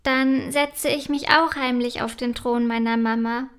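A woman voicing a curious, kind little princess girl in a storybook, speaking gently and slowly. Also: a little high, steady tone, clear, resonant tone. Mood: gentle.

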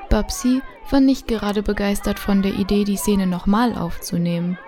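A woman narrating a children's radio play in a lively, chatty way that speaks to the listener. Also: mid-range voice, moderate pace, slight background noise.

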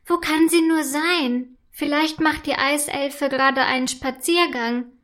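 A woman's voice: high voice, steady tone, measured pace. A woman voicing a small cheerful female snowflake in a children's storybook, friendly and a little proud. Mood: curious. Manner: bright, friendly, a bit proud. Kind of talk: storybook reading.

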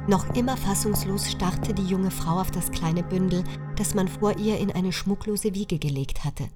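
A woman reading a short story aloud as its narrator, in a measured, expressive storytelling way. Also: mid-range voice. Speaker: audiobook reader. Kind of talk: scripted narration. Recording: music underneath.

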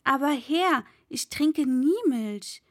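A woman's voice: high voice, lively intonation, slow pace, dry recording, studio quality, pitched above the performer's own voice. Woman voicing a timid, pleading young servant. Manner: pleading, flustered.

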